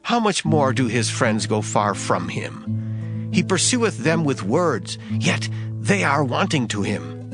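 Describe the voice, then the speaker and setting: A man recites scripture in a measured, solemn way, and his pitch rises and falls a great deal from phrase to phrase. Clear music plays steadily behind him. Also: big pitch swings. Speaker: scripture reader. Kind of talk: dramatized scripture reading. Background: background music.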